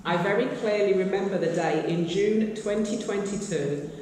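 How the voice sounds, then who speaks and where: Woman in a mid register reading a testimony aloud at an even, measured pace, distant from the mic in a reverberant hall. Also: medium pitch. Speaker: missionary giving a report. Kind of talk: reading a written account aloud. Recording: echoey hall, mic far off, faint noise.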